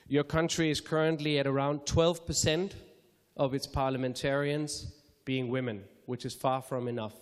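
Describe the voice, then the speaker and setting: Man from Denmark speaking in an echoey lecture hall. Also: a little high. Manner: measured, careful phrasing with occasional self-corrections. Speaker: speaker introducing a public lecture. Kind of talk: formal opening remarks at a lecture.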